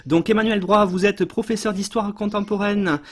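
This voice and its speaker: A man's voice: sits high, steady tone, moderate pace. A man hosting a history podcast, introducing his guest and asking questions, often hesitating with fillers. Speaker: podcast host. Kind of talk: scripted intro then interview questions.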